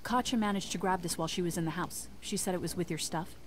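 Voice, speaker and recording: Actress as a lower-voiced woman survivor. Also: fast talker, slight background noise, close to an everyday voice. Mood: sincere, gentle. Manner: sincere, conversational. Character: earnest, caring young woman survivor. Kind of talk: naturalistic video game acting.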